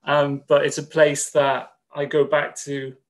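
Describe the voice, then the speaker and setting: A man's voice: on the high side, monotone. Earnest man reading over a video call. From Greece. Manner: gently nervous, earnest thanks, then measured reading. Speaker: poet. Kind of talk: poetry reading at an online launch. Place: room at home, indoors.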